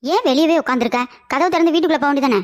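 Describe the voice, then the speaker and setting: A woman voicing a smug, self-righteous middle-aged husband in an animated cartoon. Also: high-pitched, very fast, slight background noise, lightly acted. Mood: insisting.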